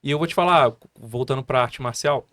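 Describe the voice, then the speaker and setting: Brazilian man, 30s, martial arts instructor, animated storyteller, dry studio sound. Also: medium pitch, a little fast, no echo. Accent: Brazilian Portuguese. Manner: animated storytelling with many fillers. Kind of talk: casual podcast conversation.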